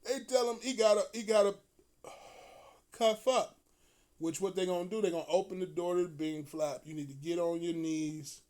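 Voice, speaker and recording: High-voiced profane male storyteller. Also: moderate pace. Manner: animated, profane, laughs often.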